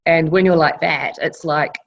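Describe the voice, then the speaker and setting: A woman co-host chats in an easygoing, laid-back way, dropping casual slang. Her voice sits fairly low, and she comes through a video call with dull, lo-fi sound. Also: fairly even intonation, moderate pace, creaky. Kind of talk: casual chat.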